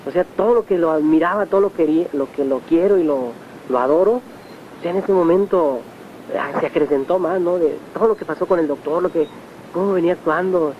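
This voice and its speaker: A man's voice: fairly high pitch, a little fast. A Mexican man with a slightly raised voice tells a personal story and acts out the lines of the people in it. The old tape sounds dull and muffled. A faint hiss runs underneath. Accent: Mexican Spanish. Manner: storytelling, acts out quoted speech. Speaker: personal assistant recounting memories. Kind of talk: personal testimony.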